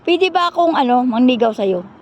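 A woman's voice: high-pitched, lively intonation, normal speed, darkish tone. A woman quoting a cocky young suitor. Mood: pressing. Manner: teasing, challenging.

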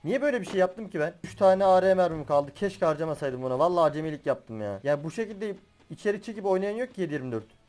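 A young man commentates his own battle royale gameplay with a fairly high voice. He is excitable and laughs and swears as the match goes on. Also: fast talker. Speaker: gaming YouTuber.

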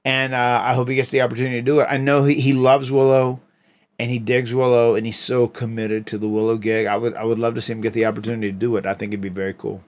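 A man's voice: mid-range voice, flat delivery, fast talker. A middle-aged man co-hosting a livestream, talking casually and rambling with fillers and restarts. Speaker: retired pro wrestler, co-host.

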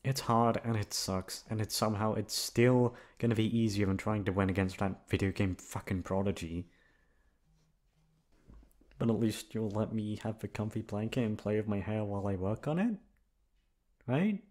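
A voice actor plays a young adult college delinquent with a soft spot for his best friend in an intimate ASMR roleplay. His fairly low voice moves at normal speed, lightly acted, casual and teasing, with swearing and hesitations in a playful, complaining mood.

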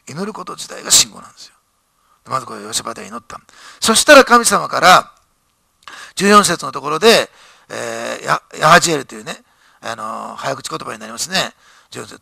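A man's voice: mid-range voice, creaky, pushed and bright, breathy edge, no room sound. A male pastor giving a sermon, reading scripture aloud and building to fervent, emphatic preaching in a church.

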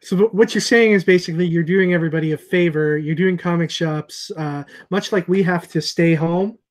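Brisk and on the high side, this man's voice belongs to a comic shop owner in his thirties. He's hosting a casual chat on a video call from a room at home via an earphone headset mic, rambling slightly with plenty of fillers and restarts.

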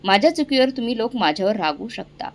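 A woman's voice: on the high side, sing-song, fast. Woman reading a remorseful grown son. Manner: pleading, emotional.

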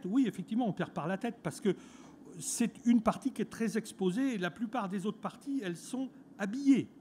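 A man's voice: sits high, warm tone, slight background noise. A man giving a talk at a fair, speaking conversationally with frequent "hein" tags and restarts. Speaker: lecturer at a trade fair talk. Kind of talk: conference talk. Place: conference room at an eco fair.

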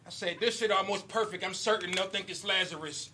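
In a basement battle venue packed with a cheering, shouting crowd, a battle rapper with a high voice spits fairly quick, punchy, rhythmic bars and chuckles now and then. The live recording is loud, with slight background noise.

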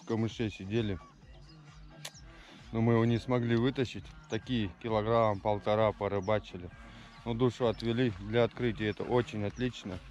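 A man's voice: fairly low pitch, fairly even intonation, moderate pace. A middle-aged man casually narrating a fishing trip from an inflatable boat, chatty and easygoing, recorded on an action camera outdoors. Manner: easygoing, chatty, exclaims over catches. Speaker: fishing vlogger. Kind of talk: casual outdoor vlog commentary. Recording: lo-fi camera audio with loud wind and water.

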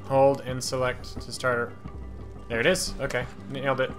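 A man giving casual gameplay commentary as a streamer, excitable and cursing at enemies while game music plays. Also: mid-range voice, normal speed. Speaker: gaming streamer. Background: game audio and music.

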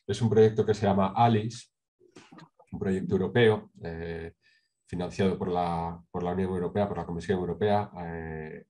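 A middle-aged man from Spain presenting a project over a video call, speaking in a measured way with many hesitations and tag questions. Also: deep voice, fairly even intonation, mellow. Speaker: sustainability consultant presenting a project. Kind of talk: online conference talk with slides. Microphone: webcam on a video call.

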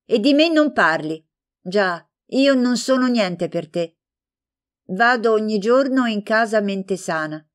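A woman's voice: medium pitch, animated, measured pace, pitched above the performer's own voice, natural voice. A woman voicing a jealous, sulky young girl who pouts and asks reproachful questions in a storybook reading.

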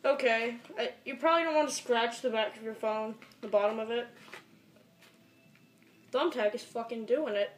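Recorded on a camera mic in a small bedroom, this echoey, noisy amateur clip has a young teen rambling through a makeshift tutorial vlog. Muttering and swearing, the amateur video maker talks at medium pitch and normal speed, pausing often.

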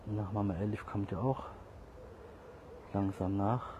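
A man walking outdoors with a group of cats, talking to them casually, scolding and coaxing, sometimes calling out loudly. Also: fairly low pitch, fairly even intonation, a little slow, muffled recording. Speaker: cat caretaker vlogger. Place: outdoors on a street walk. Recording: faint outdoor noise.

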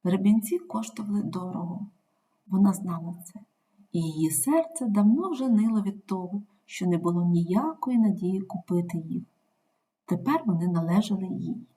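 A woman reading a story aloud in a measured, expressive narration. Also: mid-range voice. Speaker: reader.

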